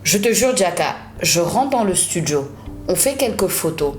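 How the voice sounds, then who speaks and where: A woman's voice: on the low side, sing-song, normal speed, faint music behind. A woman from Senegal in her thirties, a journalist and TV presenter, telling her story in a casual interview chat and slipping in English phrases. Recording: roomy studio sound.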